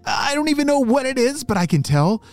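Storyteller putting on a proud cricket mom, kind and reassuring, way up high. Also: very animated, brisk, faint music behind. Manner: warm and reassuring.

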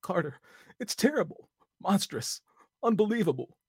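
A man's voice: very animated, moderate pace, breathy edge, no room sound, clean studio sound, full character voice. A screaming terrified man trapped below. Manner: high panicked shouting.

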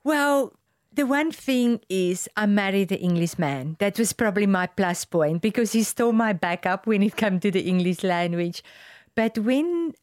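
Afrikaans-accented woman with a smooth voice. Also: medium pitch, moderate pace, dry recording, clean studio sound. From South Africa. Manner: animated, candid, non-native grammar. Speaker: interview guest. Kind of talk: conversational storytelling.

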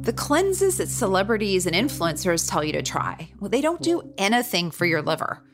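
A woman's voice: medium pitch, sing-song, normal speed, music in the background. A woman hosting a podcast. She narrates a scripted story in a wry tone. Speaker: podcast host.

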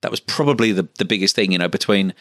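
A man's voice: sits low, fast talker, a bit bright, no room sound, clean studio sound. A middle-aged man from Essex with an Essex accent, talking casually as an interview guest in a chatty, stop-start way. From Essex, England. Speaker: interview guest, medical finance business owner.

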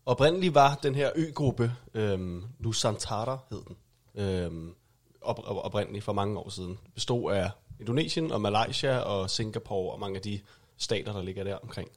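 A man giving a casual history overview in a chat, pausing with many fillers. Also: fairly low pitch. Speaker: co-presenter.

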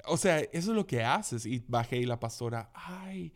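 A young man with a mid-range voice tells stories fairly quickly in casual conversation. He's an animated storyteller, acting out quotes and laughing often.

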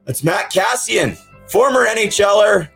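His voice is high, animated, gravelly and a bit bright, delivered at a measured pace over faint music. Missing his teeth, the podcast host speaks with toothless diction, talking to viewers in a casual, earnest, straightforward way.

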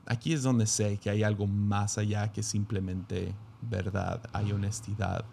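A man's voice: on the low side, level tone, unhurried, gravelly, warm tone, slight background noise. A man, a pastor, reading scripture aloud and then musing on it in a reflective sermon, with frequent restarts.

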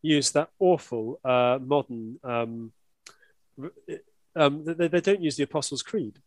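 A man's voice: mid-range voice, measured pace, a little mellow, dry recording. A man who is a priest, talking casually and stammering his way into firm opinions. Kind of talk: casual chat.

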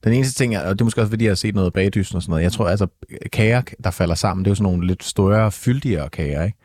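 A man with a notably deep voice talks through a record in a relaxed podcast chat, pausing often to search for words. His voice sounds dry and close, with no room around it. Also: no room sound. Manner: thoughtful, hesitant, many fillers. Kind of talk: casual music review chat.

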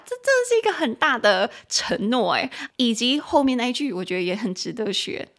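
Chatty woman teaching English. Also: on the high side. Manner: chatty and animated, mixing English phrases into Mandarin and spelling words out. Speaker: podcast host and English teacher. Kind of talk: casual explanatory podcast lesson.

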